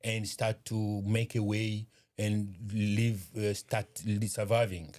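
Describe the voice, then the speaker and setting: A man from eastern Congo talks as an interview guest in a fairly low voice. He speaks in a measured, hesitant way, pausing often and filling gaps with soft fillers. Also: little pitch movement. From Eastern Democratic Republic of Congo. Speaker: guest, community organization founder. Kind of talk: interview conversation.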